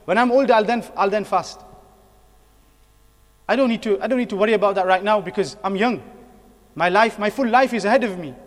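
A high-pitched male preacher delivers a sermon in a mosque hall, earnestly exhorting with repeated phrases and rhetorical questions. The hall's long reverb makes everything echo.

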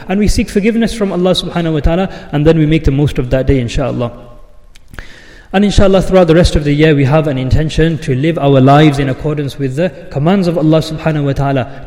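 Guy preaching at eid, higher voice, rapid, long echo off the hall. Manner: impassioned preaching, rising to forceful rhetorical questions. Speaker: imam giving an Eid sermon. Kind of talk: sermon.

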